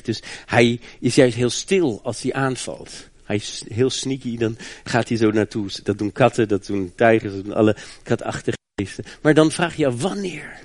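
A man preaching a sermon in an emphatic voice of middle pitch. He often doubles words as he restarts a thought, and he chuckles lightly between phrases. The sound is close and dry, with no room echo. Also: darkish tone.

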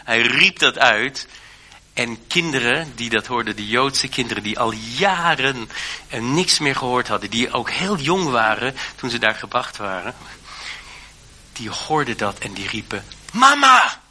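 Bright-voiced preacher man, hesitant. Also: mid-range voice, a little slow. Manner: earnest, hesitant with many fillers and restarts. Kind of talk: sermon.

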